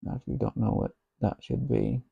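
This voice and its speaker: A man thinking aloud while he codes, musing slowly and half to himself. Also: fairly low pitch, fairly even intonation, vocal fry, slightly rough, dry recording, phone-quality sound. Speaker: software developer.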